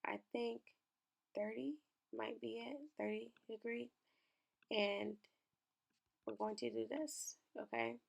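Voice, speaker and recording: A young woman with a small business and a lifestyle channel guides viewers through an on-screen design tutorial, upbeat in mood. Her voice is on the high side and early-morning raspy, with a steady tone, a slow pace, and frequent pauses.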